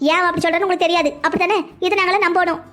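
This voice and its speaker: A woman's voice: extremely high pitch, little pitch movement, rapid-fire, fairly bright tone, soft background music. A woman voicing the bride's outspoken middle-aged mother in a cartoon, blunt, mocking and argumentative. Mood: angry. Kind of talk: cartoon dubbing.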